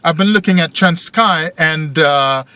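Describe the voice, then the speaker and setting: A Jamaican-raised man in his forties, a video commentator, muses aloud to camera from a parked car, rambling and repeating himself as he thinks. His voice is fairly high, unhurried, bright and forceful. A dashboard phone or camera captures dull lo-fi car sound with no echo.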